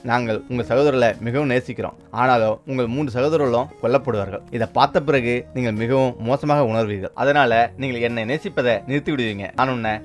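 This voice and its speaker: A man narrating a folk story and voicing all its characters in his own steady voice. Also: medium pitch. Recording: faint music underneath.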